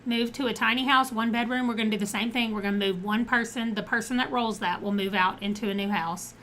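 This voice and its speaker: A woman hosting a casual live game stream, talking through her choices as she goes. Her voice sits a little on the high side. She drifts between reading options aloud and chatting with her viewers, with a faint hum of noise behind her. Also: steady tone, fast, a bit bright.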